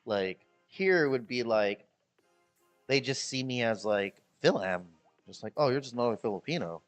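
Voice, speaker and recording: With lively intonation and soft music in the background, a Chicago man with a Midwestern American accent talks at normal speed to his stream viewers from the Philippines. He's casual and jokey, rambling, repeating himself, and mimicking people in high voices.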